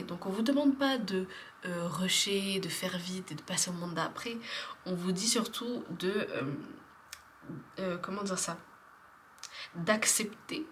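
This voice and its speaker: A woman giving a casual spiritual card reading, chatty and hesitant, often dropping to a soft whisper. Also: medium pitch, a little hiss or hum. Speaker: tarot card reader.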